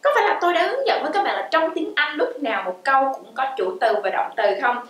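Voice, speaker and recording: A woman teaching an English grammar lesson in a lively way, asking the class questions and answering them herself, and reading her English examples out slowly and clearly. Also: high voice. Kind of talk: explaining grammar in a video lesson. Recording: very echoey room, voice from a distance.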